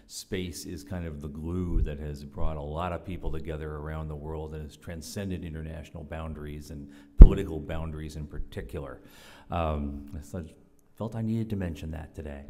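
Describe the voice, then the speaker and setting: A man hosting a conference event, speaking unscripted and in a measured, reflective way between contestants. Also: very deep voice, darkish tone. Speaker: event host. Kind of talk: unscripted stage announcing. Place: large conference hall. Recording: echoey hall, long reverb.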